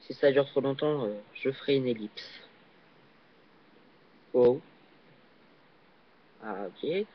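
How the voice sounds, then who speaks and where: Young man, casual gaming commentary, hesitant with fillers, excited yelps, slow pace, dull lo-fi mic. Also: medium pitch. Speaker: gaming channel host. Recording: dull lo-fi recording.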